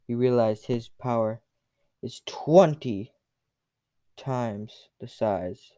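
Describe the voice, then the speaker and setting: A man tells an adventure in the second person, slowly and casually, with fillers and restarts. His voice sits in the middle register. The recording is dry and close, with no room sound. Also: medium pitch, warm tone, no echo.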